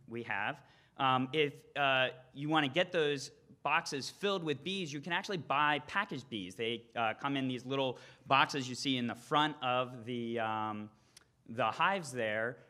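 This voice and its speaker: A man's voice: medium pitch, unhurried, pushed and bright. A man giving a casual explanatory talk at a conference, with frequent hesitations. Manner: hesitant, filler-heavy explaining. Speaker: conference speaker.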